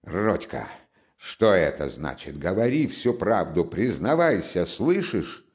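An angry young man scolding his runaway friend with loud reproach, as a man with a deep voice reads him. His pitch rises and falls widely over a low base. It sounds like a storybook reading. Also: big pitch swings, slow, heavily acted. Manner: shouting reproaches.

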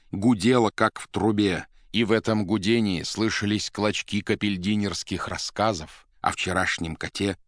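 A man with a lowish voice narrates a novel in a measured, steady manner. The recording is close and dry, with no room sound around him. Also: dry recording. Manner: measured, even storytelling delivery. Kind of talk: literary audiobook narration.

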